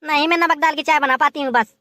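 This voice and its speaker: A woman's voice: high voice, steady tone, fast, fairly bright tone, slight background noise. A woman voicing a lazy, grumbling young bride in a comic cartoon, whiny and theatrical with wailing exclamations.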